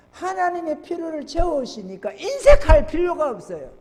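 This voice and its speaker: A male pastor preaching a sermon, telling folksy stories with sudden loud outbursts. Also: extremely high pitch. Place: church sanctuary. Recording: church hall with long reverb.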